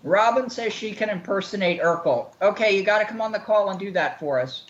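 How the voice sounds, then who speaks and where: A woman's voice: mid-range voice, expressive, a little fast, lo-fi sound. A woman hosting an online radio show, chatting casually and rambling with frequent laughs and jokes. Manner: giggly, rambling, jokey.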